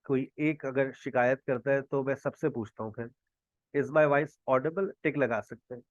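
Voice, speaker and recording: A man from Pakistan, a native Punjabi speaker, teaching spoken English in an online class over a video call, slowly quizzing his students and modeling English phrases. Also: medium pitch, steady tone, no room sound. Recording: dull lo-fi online call audio.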